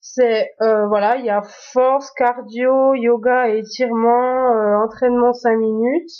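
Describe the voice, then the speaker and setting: A woman's voice: a little high, steady tone, unhurried, lo-fi sound. A woman chatting casually through the apps on her phone, hesitant with many fillers and restarts. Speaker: YouTuber. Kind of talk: casual phone tour vlog.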